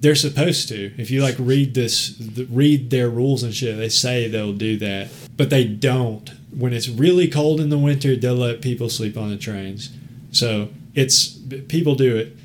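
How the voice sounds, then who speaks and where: A man hosts a casual podcast chat, telling a story that wanders and restarts as he laughs his way through it. He swears freely, and his voice sits at an ordinary middle pitch for a man. A faint hiss runs quietly underneath. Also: measured pace. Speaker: podcast host.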